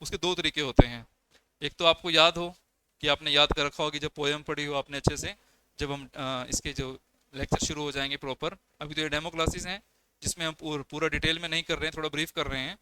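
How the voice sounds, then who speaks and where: The voice is fairly high and fairly even, delivered briskly over background noise. It belongs to a young English lecturer in an exam coaching session on poetry, who breaks things down step by step, counts syllables aloud and relies on his own terms.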